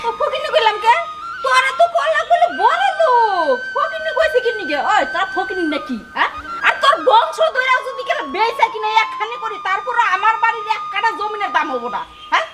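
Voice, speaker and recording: An actress playing a domineering, taunting middle-aged mother-in-law in a village family drama, with a shrill, scolding way of talking. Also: fast, few pauses, loud music behind the voice. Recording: noisy background.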